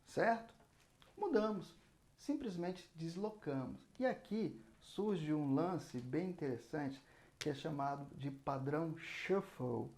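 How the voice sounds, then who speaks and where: A man's voice: fairly high pitch, darkish tone. A man teaching a casual saxophone lesson, explaining patiently and singing out rhythm syllables as he goes. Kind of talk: casual spoken music lesson.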